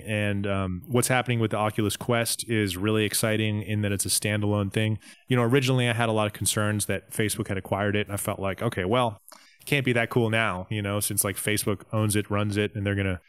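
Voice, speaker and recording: A man co-hosting a casual gaming podcast, relaxed and rambling, with lots of "um" and "you know". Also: fairly low pitch, quick pace, few pauses, clean tone, no echo. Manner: relaxed, lists things, many "um"s and "you know"s. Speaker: podcast co-host.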